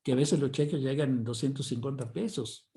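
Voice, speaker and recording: A man's voice: mid-range voice, a little fast, mellow. A Mexican university professor giving a keynote lecture, digressive and emphatic, often repeating words as he searches for phrasing. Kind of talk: academic lecture.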